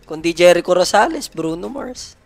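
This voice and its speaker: A man's voice: high-pitched, expressive, normal speed, gravelly, soft background music. Joking man co-casting esports. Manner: joking storyteller, laughs often. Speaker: esports co-caster. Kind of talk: casual game commentary.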